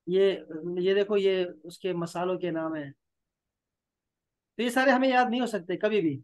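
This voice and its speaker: A man with a Pakistani Urdu accent teaching a language class. He reads each phrase aloud, explains it, and coaxes the students with repetition. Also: high voice. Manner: coaxing, repeats himself. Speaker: Arabic teacher. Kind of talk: classroom lesson.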